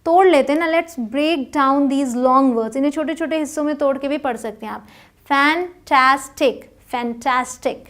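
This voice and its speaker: A woman teaching English pronunciation in Hindi, spelling out letters and then saying each word slowly and clearly. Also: sits high. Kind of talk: phonics lesson.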